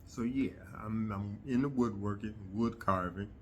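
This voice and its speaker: A middle-aged man chatting casually to his viewers in a rambling, halting way, often pausing mid-sentence. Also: lowish voice, a little hiss or hum. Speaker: host of a hobby video channel. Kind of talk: casual rambling vlog chat.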